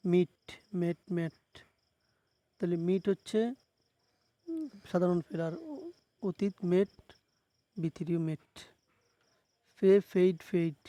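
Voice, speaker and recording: A man's voice: high-pitched, warm tone, no room sound. A man with a Bangladeshi accent teaching a lesson, repeating each word and explaining its meaning plainly. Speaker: English teacher. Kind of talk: classroom lesson on verb forms.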